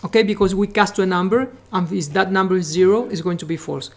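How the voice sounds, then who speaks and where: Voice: mid-range voice, fast talker. A native Spanish speaker from the Caribbean teaching a live coding class with a Caribbean Spanish accent, explaining step by step and often saying "remember" and "okay". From Latin America, Caribbean. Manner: repeats 'remember' and 'okay', explains step by step, coaxes students. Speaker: programming instructor.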